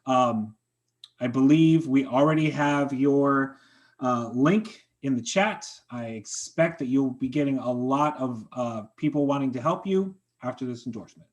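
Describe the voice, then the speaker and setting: A man chairing a members' meeting over a video call, running motions and votes in a brisk, polite, procedural way. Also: mid-range voice.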